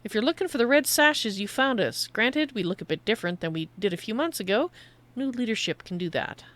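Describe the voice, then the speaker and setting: A woman's voice: a little high, lively intonation, a little fast, a bit bright. Casting: woman as sly outlaw merchant for a game, boastful, roguish salesy patter. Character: shady, sly, boastful cave trader and outlaw. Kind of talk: voiced reading of video game dialogue.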